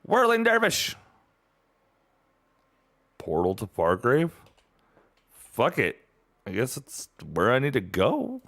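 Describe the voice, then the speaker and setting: A man with a lowish voice narrates his own gameplay for a live stream. He talks slowly, his pitch jumping around as he grumbles, swears and chats casually with viewers. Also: big pitch swings. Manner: profane, easily annoyed, talks to himself.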